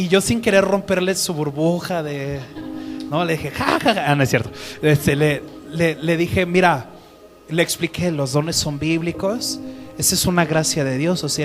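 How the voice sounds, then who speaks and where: A man teaching the Bible to a group in a conversational way, often asking them questions. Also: fairly high pitch.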